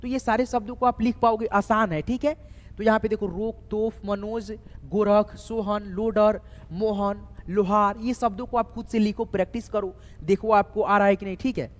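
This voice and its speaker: Man slowly spelling words aloud, echoey room. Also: sits high, steady tone. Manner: slowly spells words letter by letter, keeps checking "okay?". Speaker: online English tutor. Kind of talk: chalkboard spelling lesson. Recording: echoey room with long reverb.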